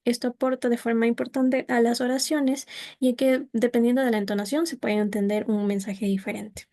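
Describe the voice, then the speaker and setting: Young woman, student presentation, fairly high voice, mellow tone, halting explanations. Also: fairly even intonation. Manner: explanatory, with hesitations and restarts. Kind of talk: class presentation.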